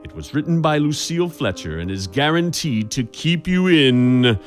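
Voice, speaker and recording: A man playing an ominous theatrical storyteller, narrating an old-time radio suspense show in dramatic, drawn-out phrases. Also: on the high side, big pitch swings. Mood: wry, ominous. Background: music.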